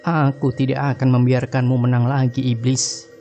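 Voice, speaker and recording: A man voicing an angry old male village mystic with a raised, strained shout in a horror story. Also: mid-range voice, little pitch movement, moderate pace, faint music behind, lightly acted. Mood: furious.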